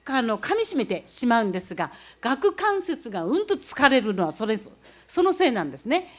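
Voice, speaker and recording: A woman from the Tohoku region gives a talk, explaining practical techniques one step at a time as she demonstrates. Her voice sits a little high for a woman, and her delivery stays explanatory and methodical. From Tohoku, Japan. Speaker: speaker recounting leading a student climb.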